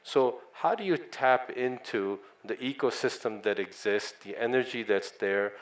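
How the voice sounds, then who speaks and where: A man's voice: medium pitch, unhurried, poor audio. A middle-aged man speaking as a company executive on a panel, confident and often checking in with "right?". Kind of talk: panel discussion answer.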